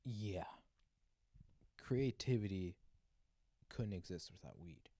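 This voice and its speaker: Laid-back guy, low and mellow. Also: animated, slow pace, dry recording. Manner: laid-back, slangy, jokey, acts out quotes. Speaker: podcast co-host. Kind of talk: casual chat.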